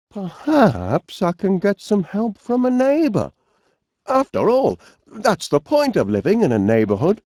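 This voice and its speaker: In an animated comedy game, a male actor voices a fussy, absent-minded middle-aged inventor with a Northern English accent, politely musing aloud. The high-pitched performance is heavily acted and recorded as clean studio sound with no room sound.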